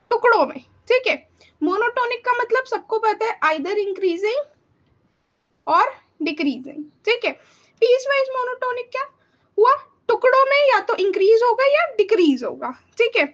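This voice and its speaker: A woman's voice: very high voice, lo-fi sound. A woman teaching a university math lecture step by step, often checking that students follow. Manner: explains step by step, often checking with a questioning "theek hai?". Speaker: math tutor. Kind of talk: chalkboard-style math lecture.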